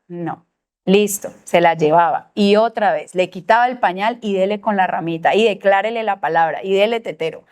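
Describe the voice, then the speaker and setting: A woman's voice: on the high side, clean tone. A Colombian woman teaching a church parenting class, telling a family story and acting out the voices in it. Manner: lively storyteller who acts out the voices in her story.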